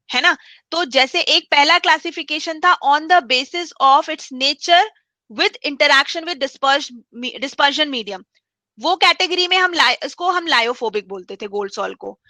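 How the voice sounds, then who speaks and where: A woman's voice: high-pitched, a little slow, sharp tone, no echo. A woman teaching a chemistry class online, explaining step by step, repeating key points and mixing English terms into her speech.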